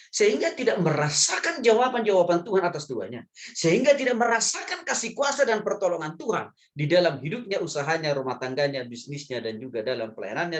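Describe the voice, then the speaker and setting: A male pastor giving a sermon in a lively, humorous way, chuckling often and addressing the men in the congregation directly. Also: on the high side.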